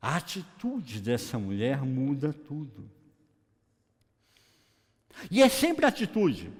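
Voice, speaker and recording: A man preaching a lively sermon in a colloquial, joking way, acting out Bible scenes. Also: medium pitch, husky. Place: church hall. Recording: long church-hall reverb.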